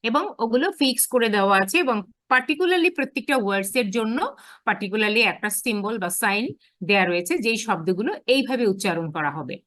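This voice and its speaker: A woman giving a lecture on phonetics, drawing out her English phrases slowly and explaining quickly in between. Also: medium pitch, expressive, a bit bright, dry recording. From Bangladesh. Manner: switches between careful slow English and brisk Bengali explanation. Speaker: university English teacher.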